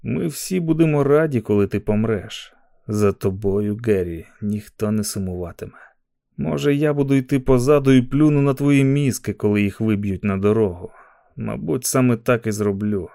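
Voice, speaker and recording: A man's voice: on the low side, moderate pace, creaky, warm tone, no room sound, studio quality. A man reading a bitter young walker. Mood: cruel.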